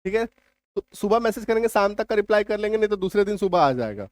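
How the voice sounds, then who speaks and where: A man teaching spelling rules, repeating key points and asking his students whether it is clear. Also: high-pitched, lively intonation, quick pace, no echo. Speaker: English teacher. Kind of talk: spoken spelling lesson.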